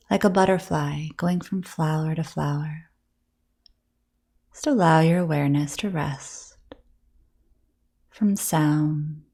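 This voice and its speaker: A yoga nidra teacher leads a guided meditation, her voice sitting low as she speaks softly and soothingly, with breathy gentleness and long pauses between phrases.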